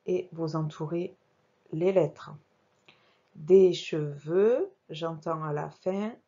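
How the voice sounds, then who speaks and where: Woman primary teacher, remote phonics lesson, measured and patient delivery, lower voice, muffled home recording. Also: dark tone. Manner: slow, careful, articulating each sound; talks while working the mouse on screen. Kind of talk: remote reading lesson for young children.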